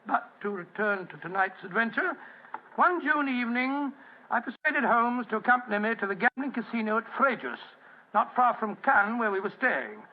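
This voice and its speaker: Doctor Watson, high-voiced elderly English storyteller. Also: male voice, lively intonation, moderate pace, phone-quality sound. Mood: genial, storytelling. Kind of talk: old-time radio drama acting and narration. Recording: thin, band-limited vintage radio recording.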